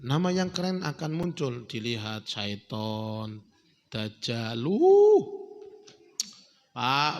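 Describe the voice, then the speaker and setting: A male preacher, giving a lively, joking sermon at a family celebration and sometimes chanting. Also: on the high side. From Indonesia. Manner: animated, humorous, addresses the audience as "Pak", chants the call to prayer. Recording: echoey hall.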